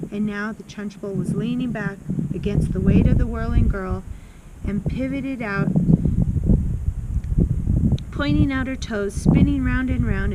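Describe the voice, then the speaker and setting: A woman reading a children's book aloud, expressive, with small slips and restarts. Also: fairly high pitch. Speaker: reader. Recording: loud background noise with passing traffic.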